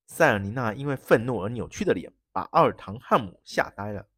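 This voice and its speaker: Lively storybook narrator. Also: medium pitch, fairly quick, dry recording, clean studio sound. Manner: lively, expressive.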